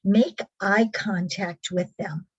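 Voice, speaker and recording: A woman's voice: mid-range voice, steady tone, slow, fairly bright tone, breathy edge, dull audio. A woman presenting a caregiver training workshop, talking patiently and earnestly with frequent ums and restarts.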